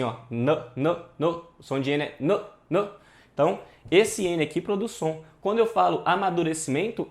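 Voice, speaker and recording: A man's voice: a little high, creaky, a little mellow. A male teacher, explaining exam questions in a casual, slangy, emphatic way. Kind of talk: exam prep lesson.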